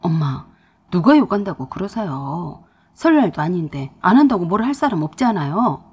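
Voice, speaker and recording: A woman voicing a young husband who tries to calm his mother, in a placating, mildly protesting tone. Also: lowish voice, normal speed, husky, pitched below the performer's own voice, exaggerated voice. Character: young adult husband, pleading mediator.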